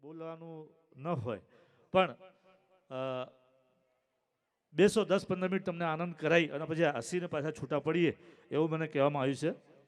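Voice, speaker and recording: A man's voice: fairly high pitch, moderate pace, pauses often. A man doing stand-up jokes at a late-night folk stage show, chatty and acting out both sides of each joke's dialogue. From Gujarat. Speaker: comedian.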